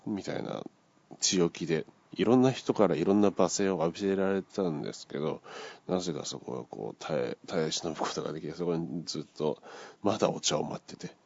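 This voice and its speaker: A man's voice: low-pitched, gravelly, a little mellow, slightly rough, no echo. A man casually retelling a dream he had, acting out the voices of the people in it. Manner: acts out the voices of people in the story. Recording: dull lo-fi dry recording.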